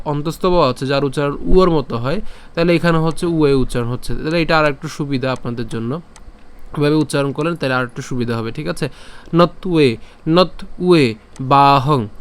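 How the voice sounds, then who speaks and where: Smooth-voiced man teaching recitation. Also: fairly high pitch. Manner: breaks words into syllables and chants verses slowly. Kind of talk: recitation lesson.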